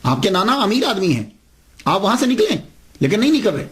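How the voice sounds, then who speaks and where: Animated, high-pitched male preacher. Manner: dramatic, swings pitch widely, slows for emphasis. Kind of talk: storytelling sermon.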